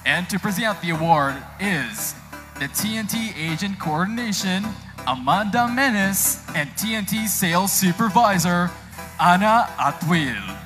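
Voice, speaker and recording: Slow, swooping pageant host. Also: mid-range voice, expressive. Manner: ceremonious, drawn-out announcing. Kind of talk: formal pageant announcing. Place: on stage in a large gym. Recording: music behind, live gym PA.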